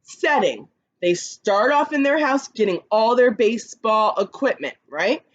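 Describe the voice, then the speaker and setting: Slow, lively-voiced kindergarten teacher reading aloud. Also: female voice, dull audio. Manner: slow, expressive read-aloud with lively pitch, chatty asides. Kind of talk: reading picture books aloud to children.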